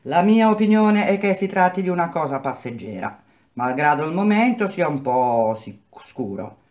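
A woman reading aloud and voicing a middle-aged male contractor who smoothly explains hard news to his workers. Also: deep voice, very animated, normal speed, darkish tone. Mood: persuasive. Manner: persuasive, explanatory, speaks to workers as a group.

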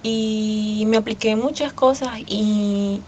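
A woman giving a personal religious testimony to her church, earnest and fervent, with halting restarts. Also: mid-range voice, fairly even intonation, darkish tone, a little hiss or hum.

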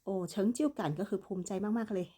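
A woman gives a bilingual lesson in Chinese, reading both sides of a short dialogue and breaking the words down. Her voice is mellow and warm, and her pitch sits in the middle. She talks patiently and repeats each word so learners can follow. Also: animated, fast talker, husky. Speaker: Chinese language teacher.

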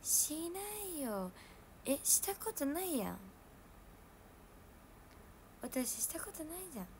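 A woman's voice: high voice, very animated, takes it slowly, a little hiss or hum. Chatty young woman with Hiroshima dialect. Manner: chatty, laughs at herself, loud when acting out quotes. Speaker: idol livestream host. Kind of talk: casual livestream chat.

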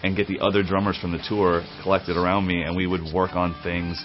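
A man's voice: deep voice, little pitch movement, brisk, music in the background. A man in his forties, a drum teacher, telling his story in a candid, reflective documentary interview, seated in an indoor drum studio. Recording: slightly dull, muffled audio.

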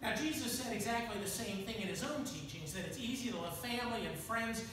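A man's voice: extremely high pitch, fairly quick, fairly bright tone. An older man preaches from the pulpit in a folksy, storytelling way, poking fun at himself between points. He sounds far from the mic, and his voice rings around a big, echoey church hall. Room noise hangs under every word. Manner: folksy storytelling with self-deprecating asides. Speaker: pastor. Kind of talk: sermon. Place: church sanctuary with pipe organ. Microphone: room camera from the back of the church.

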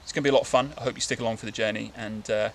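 Racing along in a gravelly, fairly low, steady voice, this bushcraft vlogger talks casually to camera from his woodland camp, seated under a tarp in winter. His rambling is full of fillers and restarts, with light outdoor noise in the background.

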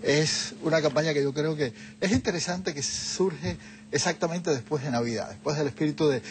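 A man's voice: fairly high pitch, normal speed, a little hiss or hum. An older man, a guest in a TV studio interview, explaining things reflectively into a lapel mic. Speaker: guest, Jesuit leader. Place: TV studio set, seated on a sofa.

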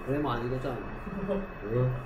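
A male English teacher in a classroom, quizzing students by name and slowly repeating English example sentences. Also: mid-range voice, fairly even intonation, background noise. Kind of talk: classroom lesson.

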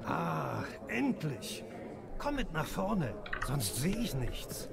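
An actor playing an eager, fussy old man with a creaky voice in a fantasy video game. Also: a little high, huge pitch swings, slow pace, over a noisy crowd, full character voice. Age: older. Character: eager, fussy old male companion, bald and bearded. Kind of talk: video game dialogue acting. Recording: background music under the voice.

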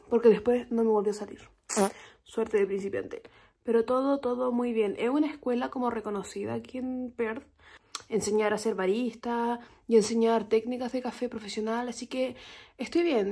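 Casual vlogger, young Chilean woman, slightly high voice, lively storyteller. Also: husky. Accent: Chilean Spanish. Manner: chatty, animated storytelling with quoted reactions.

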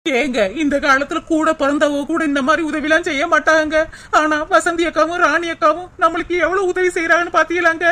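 A high-pitched cartoon young wife, humble and wounded by her family, who speaks with gratitude and sorrow, as a woman acts her out. She sounds loyal and soft-spoken. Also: flat delivery, brisk. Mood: grateful, hurt. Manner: sorrowful, grateful. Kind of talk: cartoon voice acting.

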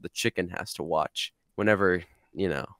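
A young man joking with friends in a casual chat, talking slowly and giggling often. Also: sits low, a bit bright, no echo, studio quality. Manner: slow, giggly banter.

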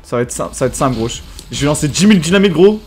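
Young guy on voice chat, excitable, bouncy pitch, faint music under it. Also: very fast. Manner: excitable, slangy, reacting loudly to play. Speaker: guest player. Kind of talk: casual gaming chat.

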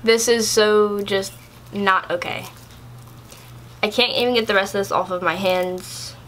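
A woman's voice: mid-range voice, steady tone, measured pace, fairly bright tone, a little hiss or hum. A young woman casually reviewing products in a vlog, chatty and exasperated, with lots of filler words. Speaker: YouTuber.

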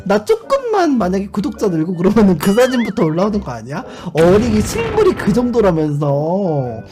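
남자 스트리머의 생동감 있는 수다, 배경 음악. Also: male voice, high voice, a little fast. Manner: animated, laughs often, acts out other people's lines. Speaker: YouTube streamer. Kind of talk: casual storytelling chat. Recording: background music under the voice. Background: music.

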